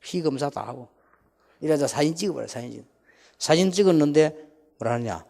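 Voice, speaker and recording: A man, preaching a sermon and telling a personal story in a rambling, animated way with many asides. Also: a little high, fairly quick, creaky, long reverb tail. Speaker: pastor.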